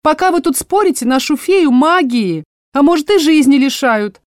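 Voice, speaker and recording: A tiny but fierce old tree spirit scolds a room full of quarrelling grown-ups, her voice pitched high and loud, as a woman narrator puts her on. She sounds shrill and stern, an old woman's temper in a storybook. The recording is close and dry. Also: lively intonation, moderate pace, no room sound. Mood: scolding. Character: stern old female dryad sapling, scolding.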